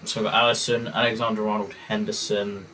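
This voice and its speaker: A young man talks through a football watchalong stream. He rambles along in a lowish voice, stopping and starting with lots of fillers. Faint noise hums under his mic. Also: level tone, quick pace, sharp tone, rough recording. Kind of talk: casual live-stream chat.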